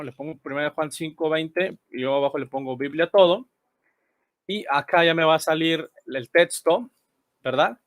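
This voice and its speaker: A man's voice: a little high, a bit bright, no echo, clean studio sound. A man explaining Bible verses. He repeats key phrases and keeps checking in with his listeners as he reads translations aloud. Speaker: Bible teacher. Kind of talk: screen-share Bible study explanation.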